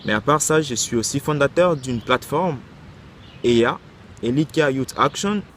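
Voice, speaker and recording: A man's voice: medium pitch, lively intonation, moderate pace. A man in his twenties from Kasaï, introducing himself as a youth activist in a composed, self-assured way. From Kasaï, DR Congo. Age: 20s. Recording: outdoor street noise.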